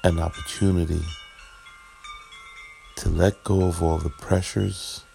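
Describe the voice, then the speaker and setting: A man leading a guided relaxation meditation in a soothing, gentle, unhurried manner with long pauses. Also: deep voice, level tone, gravelly.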